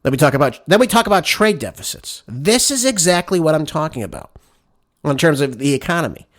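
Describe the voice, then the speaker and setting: Sarcastic talk show host, lively pitch. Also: male voice, a little fast. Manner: combative, sarcastic, addresses listeners as "folks". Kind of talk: solo opinion commentary.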